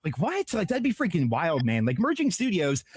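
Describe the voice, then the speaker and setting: A man's voice: high-pitched, normal speed, breathy edge, no echo, clean studio sound. A man in a casual gaming chat, talking dramatically and leaning on "like" constantly. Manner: animated, dramatic, says "like" a lot.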